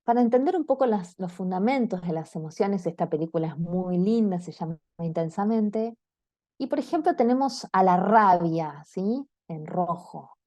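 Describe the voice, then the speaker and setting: A woman's voice: lowish voice, animated, normal speed, mellow, no room sound. A woman with an Argentine accent gives a talk to parents and teenagers on a video call, checking in with her listeners again and again. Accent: Argentine Spanish. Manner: engaging, often checks in with the audience. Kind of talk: online talk to parents and teens.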